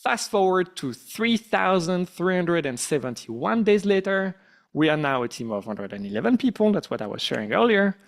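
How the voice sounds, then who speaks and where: A middle-aged man, the company's founder, speaks with a French accent in a high, creaky voice at a normal pace. His town hall presentation is relaxed and self-deprecating, peppered with fillers.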